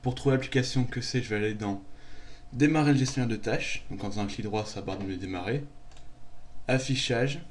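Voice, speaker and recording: A man narrating a screen-recorded software tutorial, calmly walking through each click step by step. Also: medium pitch, brisk, a little hiss or hum. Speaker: tutorial maker.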